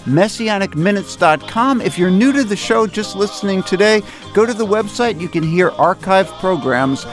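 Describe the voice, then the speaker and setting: Lively rabbi co-hosting radio, man. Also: high voice, moderate pace, music in the background. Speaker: rabbi, radio show co-host.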